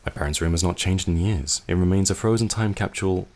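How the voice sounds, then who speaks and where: A man hosting a let's play, reading the game's narration aloud in a measured way with dry asides. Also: sits low, darkish tone.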